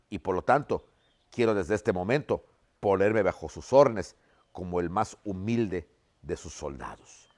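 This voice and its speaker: A modest male rebel commander speaks deferentially, as a man voices him in a history lesson. He sounds sincere and respectful. His voice sits low. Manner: humble, deferential. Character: humble grateful male rebel leader pledging loyalty.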